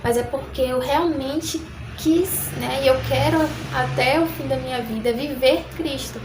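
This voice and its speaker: A woman's voice: high voice, measured pace, noisy background. A young Brazilian woman telling her conversion story in an earnest, chatty way, often adding "né?". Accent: Brazilian Portuguese. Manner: chatty, earnest, tag questions "né?" throughout. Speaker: vlogger giving her conversion testimony. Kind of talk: casual personal testimony. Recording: roomy room with faint ambience.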